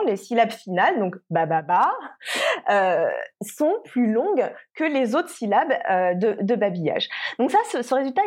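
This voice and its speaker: Hesitant woman researcher, high voice. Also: a little mellow. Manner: careful, many hesitations and restarts. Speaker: linguist researcher guest. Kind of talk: explanatory interview answers.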